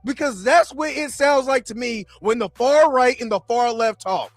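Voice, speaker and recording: Male reaction host, high-pitched and slangy, animated and exasperated, dry close sound, faint music behind. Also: normal speed, creaky, no echo. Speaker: host of a comics reaction show. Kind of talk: casual reaction chat with co-hosts.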